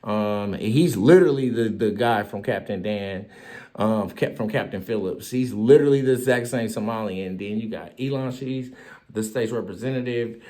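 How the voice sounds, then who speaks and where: A man's voice: moderate pace, warm tone. A man hosting his own show, giving casual political commentary in a loose, joking way and laughing often. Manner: loose, joking, laughs often, swings up high when mocking. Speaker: show host.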